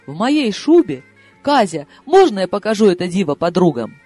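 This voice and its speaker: A man reading a novel aloud and voicing an excitable young woman in love, who exclaims and pleads in quick questions. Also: sits high, breathy edge, faint music behind, voice pushed up, exaggerated voice. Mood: pleading.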